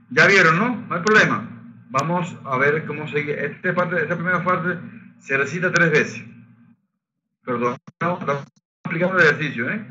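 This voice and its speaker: A man facilitating a Reiki workshop, explaining techniques and leading the group in slow chanting. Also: a little high, sharp tone, highs cut off, slight background noise. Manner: leads group chanting of Japanese phrases, slow and sung. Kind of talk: spiritual workshop teaching.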